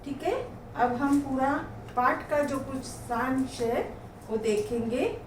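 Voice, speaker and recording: A woman teacher giving a Hindi grammar lesson, explaining slowly and saying each example word twice for pronunciation, recorded in an echoey room from a distance. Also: high-pitched, noisy background. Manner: slow, explanatory, repeats words twice for pronunciation.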